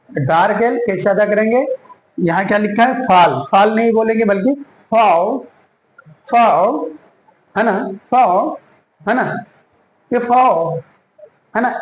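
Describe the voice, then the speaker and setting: A man teaches pronunciation, asking and answering his own questions. He is recorded in a roomy, echoing space a faint ambient hum underneath. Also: high-pitched. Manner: drills words by repeating them, asks and answers his own questions. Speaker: English teacher. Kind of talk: pronunciation lesson.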